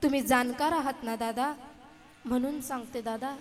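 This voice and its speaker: A woman voicing a grieving mother who speaks softly and tenderly to her son. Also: high voice, fairly even intonation, normal speed, natural voice. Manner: soft, tearful, tender. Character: grieving mother, gentle and resigned.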